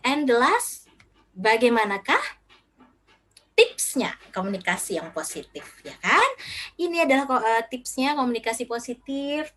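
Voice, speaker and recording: A middle-aged woman giving a short parenting talk as a speaker, lively, acting out what parents and children say. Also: medium pitch. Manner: lively, acts out quoted child and parent lines.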